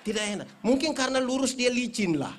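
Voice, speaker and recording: A male pastor, preaching a humorous sermon at a Christmas gathering and telling stories with lively acted-out voices. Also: extremely high pitch, quick pace. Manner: animated storyteller, acts out voices and shouts.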